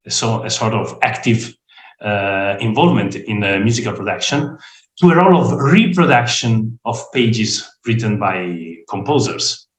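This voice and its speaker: A hoarse man giving an online lecture presentation, speaking hesitantly with many fillers. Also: mid-range voice, a bit bright. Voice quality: rough, croaky voice. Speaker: guest speaker. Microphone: video call. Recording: roomy echo.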